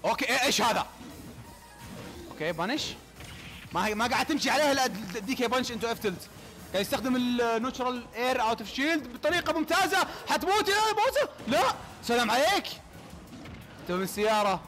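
A young man giving live esports play-by-play commentary, excitable and rapid-fire, with a voice worn out from a long day of calling matches. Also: extremely high pitch, faint music behind. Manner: excitable, rapid-fire calls that burst into shouts. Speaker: tournament commentator.

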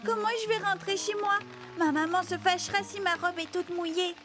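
A woman voicing a cheerful, eager little girl rabbit in a storybook cartoon, with a bright childlike chirp. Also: extremely high pitch, fairly even intonation, moderate pace, over music, voice pushed up. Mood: chirpy.

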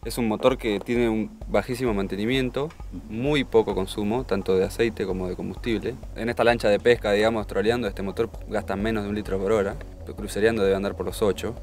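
A man, an engine dealer's representative, explaining technical details with pauses and fillers. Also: fairly low pitch, fairly even intonation, a little mellow. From Argentina.

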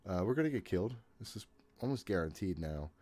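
A man in his thirties streams a horror game from a small room at home, talking to himself in a casual, jittery, exasperated way and swearing a lot. His voice is low and mellow with lively intonation, and he speaks quickly. He wears a headset and uses a desk microphone, and the recording sounds dry.

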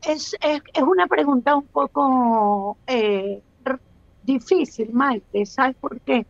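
A woman's voice: high voice, slow, vocal fry, dry recording, dull audio. A Venezuelan woman in her sixties, a guest speaking on a video call, thoughtful and hesitant with many restarts. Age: 60s. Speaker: guest, actress. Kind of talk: casual interview chat.

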